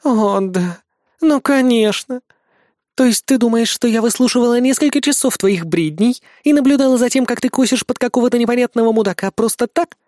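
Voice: medium pitch, brisk, darkish tone, no room sound, voice pushed up, lightly acted. A reader voicing Vika, a predatory young woman who taunts and teases in a raised voice in a dry-sounding storybook reading. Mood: taunting.

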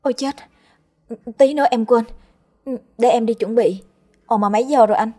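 A woman voicing a young female student with a high, shrill voice, often sobbing in fear. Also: normal speed, mellow, faint music behind, lightly acted. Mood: eager.

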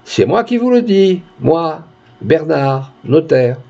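A cowardly, self-important small-town notary from an old storybook, as a gravelly-voiced narrator puts him on, leaping from shrill alarm to pompous warnings. His voice swings widely in pitch over a husky, rough grain. The recording sounds dull and lo-fi. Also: sing-song, measured pace, darkish tone, full character voice. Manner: shrill, panicky outbursts and solemn threats.

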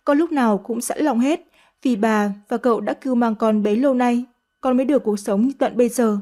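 A woman's voice: on the high side, a little fast, warm tone, close to an everyday voice. A woman voicing a fawning teenage servant girl who sweet-talks in a coaxing, sugary way. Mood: pleading.

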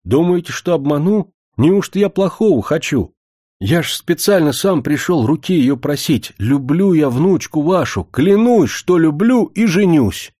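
A man's voice: mid-range voice, big pitch swings, moderate pace, mellow, no echo, clean studio sound, pitched above the performer's own voice. A man voicing an earnest, lovestruck young man who pleads eagerly in a raised voice. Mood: pleading.

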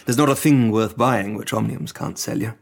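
An actor with a British accent playing a measured, uneasy gentleman doctor, restrained and probing, in an audio drama. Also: fairly low pitch, vocal fry. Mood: curious, wry.

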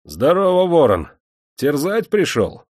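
A man's voice: sits low, animated, normal speed, warm tone, no room sound, clean studio sound. A man voicing a defiant young prisoner in chains who mocks his captor in a cheeky tone. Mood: mocking. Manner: cheeky, mocking.

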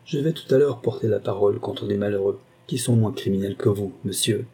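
A man's voice: on the low side, mellow, slight background noise, lightly acted. A man reading an audiobook, voicing a young magistrate who answers coldly and with restraint. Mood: cold, indignant. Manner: measured, cold.

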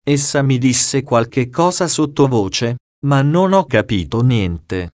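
A man reads a diary aloud in a slow, deliberate, solemn way. His voice sits at an ordinary middle pitch, and the recording is close and dry, with no room sound. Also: lively intonation, darkish tone, no room sound. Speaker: audiobook reader.

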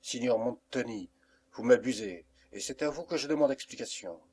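A man's voice: mid-range voice, expressive, normal speed, a little mellow, slightly rough. A man reading an ardent young count. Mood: impassioned. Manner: insistent, impassioned. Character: passionate young nobleman, ardent suitor. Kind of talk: audiobook reading.

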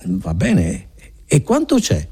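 Guarded young villager, raspy and dark, voiced by a male reader. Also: a little high, wildly swooping pitch, takes it slowly, pitched above the performer's own voice, full character voice. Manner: guarded, evasive.

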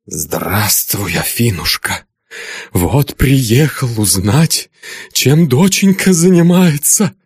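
A man's voice: mid-range voice, expressive, takes it slowly, slightly rough, no echo, clean studio sound, full character voice. A man voicing an enraged old doctor who barks threats and orders at his daughter. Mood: false sweet. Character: old man, furious tyrannical father, doctor.

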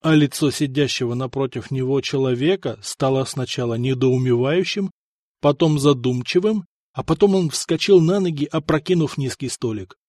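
A man reading a novel aloud in steady, measured narration. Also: medium pitch, no room sound, clean studio sound. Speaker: audiobook narrator. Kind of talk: scripted narration.

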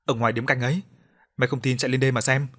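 A man's voice: mid-range voice, level tone, racing, fairly bright tone, close to an everyday voice. A man voicing a frightened older villager who urgently tells others about a death.

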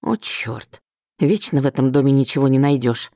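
A woman doing a gruff, scornful father. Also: on the low side, lively intonation, moderate pace, dark tone, dry recording, clean studio sound. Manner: gruff, grumbling and sarcastic. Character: irritable middle-aged father, curt and mocking.

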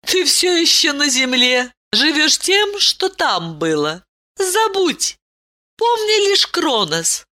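Woman doing a high ageless princess. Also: big pitch swings, slow, bright, forceful tone, exaggerated voice. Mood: regal, tender. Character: ancient princess, stern yet tender woman.

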